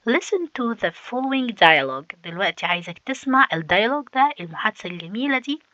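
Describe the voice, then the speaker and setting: A woman with an Egyptian Arabic accent teaches young children English, drawing out English words slowly and coaxing them along. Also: on the high side, big pitch swings, sharp tone, no room sound, lo-fi sound. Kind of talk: children's lesson, explaining a textbook.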